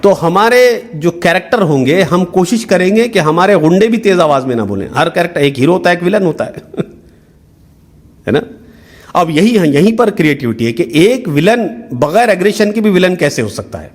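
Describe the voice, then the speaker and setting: A man's voice: high voice, very animated. A middle-aged man giving a workshop lecture. He explains step by step, drops English terms into his talk and keeps asking "hai na?". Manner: explanatory, mixing in English terms, frequent "hai na" tag questions.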